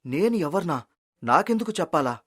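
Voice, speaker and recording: A voice actor playing a humble, kind-hearted young village man in an animated story, gentle and pleading. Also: mid-range voice, brisk. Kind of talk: storybook cartoon voice acting.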